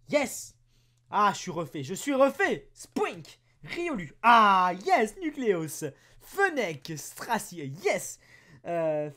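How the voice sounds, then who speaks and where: A man doing card pack opening commentary, reading card names aloud in quick lists and breaking into loud cheers. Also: very high-pitched. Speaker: YouTuber.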